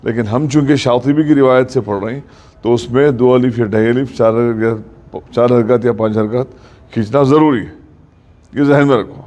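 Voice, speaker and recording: A man teaching a recitation class in a mosque. He explains patiently, asks his students questions, and keeps a middle pitch. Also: fairly even intonation, darkish tone.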